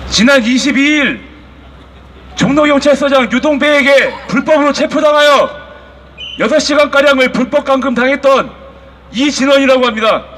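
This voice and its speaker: A man's voice: very high-pitched, moderate pace, fairly bright tone. A man giving an emphatic, aggrieved protest speech as an activist, delivered in short declamatory phrases. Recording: faint outdoor street noise.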